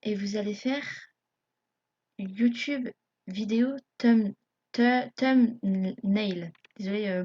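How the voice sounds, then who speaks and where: Woman, tutorial narration, hesitant with many fillers, husky voice, dull lo-fi sound. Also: mid-range voice, warm tone. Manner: hesitant, many fillers, self-conscious beginner. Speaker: YouTube tutorial maker. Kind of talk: live screen tutorial narration. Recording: dull lo-fi home recording.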